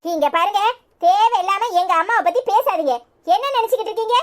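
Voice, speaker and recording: Woman voicing a sharp-tongued cartoon wife, very high voice, Tirunelveli Tamil accent, quick cutting complaints. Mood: angry. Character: quarrelsome young wife, sharp-tongued and resentful. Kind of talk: cartoon voice acting.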